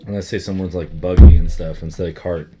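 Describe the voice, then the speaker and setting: With faint music under the recording, a young co-host with a light Southern US accent rambles through a casual chat, full of fillers. His voice is low-pitched and fairly quick, its intonation fairly even.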